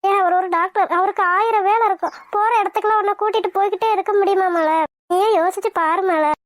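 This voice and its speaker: A woman's voice: very high voice, fairly even intonation, fast talker. A woman voicing a caring young friend in a cartoon, coaxing and soothing.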